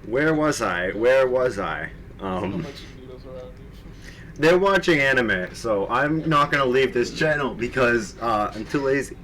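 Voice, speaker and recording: A man's voice: medium pitch, expressive, slow, fairly bright tone, slight background noise, low-quality recording. A man reading fan fiction aloud on a live stream, with mocking asides, frequent laughter and swearing. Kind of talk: casual comedic dramatic reading.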